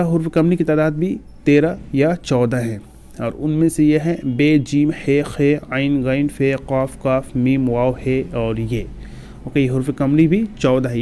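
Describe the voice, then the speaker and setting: Male teacher, exam-prep lesson, patient step-by-step explaining, mellow tone, faint background hiss. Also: mid-range voice.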